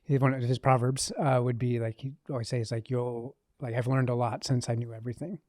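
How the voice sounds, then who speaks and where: A man's voice: medium pitch, level tone, brisk, darkish tone, no echo, clean studio sound. A man in his late thirties co-hosting a podcast, talking in a casual, conversational way with many likes and restarts. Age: late 30s. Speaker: podcast co-host. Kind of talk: casual faith chat.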